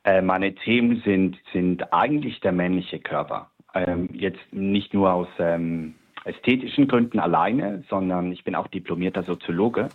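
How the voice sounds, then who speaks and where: A low-voiced man from Switzerland, a guest artist, speaks a little slowly as he recounts his own story in an interview. He hesitates often, using lots of fillers and restarting sentences. The audio sounds tinny, like a phone line.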